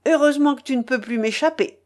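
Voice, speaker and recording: A woman voicing a furious, thundering older male rear admiral in a storybook reading, booming and indignant. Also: quick pace, darkish tone, close to an everyday voice.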